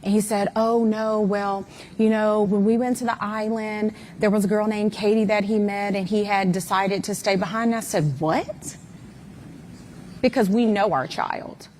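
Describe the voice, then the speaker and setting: A woman's voice: medium pitch, steady tone, moderate pace, a little mellow, a little hiss or hum. A mother giving an interview guest's candid, emphatic account of events, with many fillers.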